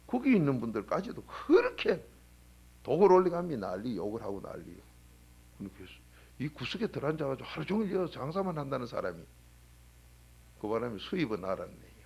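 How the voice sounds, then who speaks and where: Husky-voiced Korean pastor preaching fervently. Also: male voice. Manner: swings between loud exhortation and low, quiet asides; colloquial, rhetorical questions. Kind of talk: early-morning sermon. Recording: 1997 church sermon recording.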